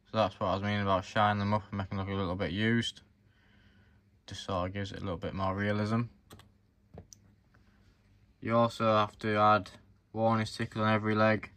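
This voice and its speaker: On his farm model review channel, a man talks directly to viewers in a casual, explanatory hands-on review. His lowish voice is level and fairly bright, a little fast but with long pauses.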